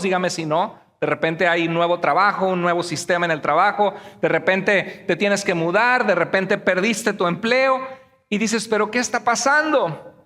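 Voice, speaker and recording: A man preaching a sermon in a church with animated delivery, joking and acting out quotes. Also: high voice. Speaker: pastor. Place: church sanctuary. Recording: long hall reverb.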